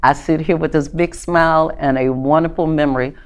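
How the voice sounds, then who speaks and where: A woman's voice: low voice, fairly even intonation, fairly quick. A retired woman law enforcement agent with a Tennessee Southern accent, telling her story in an interview with confident, upbeat emphasis. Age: older. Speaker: retired Secret Service agent, guest.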